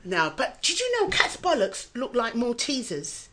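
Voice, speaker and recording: A woman's voice: a little high, measured pace. A woman comedian telling stories in casual chat, blunt and sweary. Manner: blunt, sweary, animated storyteller. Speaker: podcast co-host, comedian.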